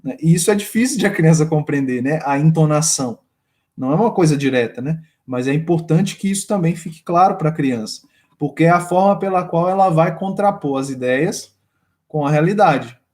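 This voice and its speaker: A man's voice: fairly high pitch, lively intonation, brisk, darkish tone. A man from Brazil teaching a course on raising children, speaking hesitantly with many fillers and restarts. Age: adult with a young daughter. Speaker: course instructor. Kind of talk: lecture on child education.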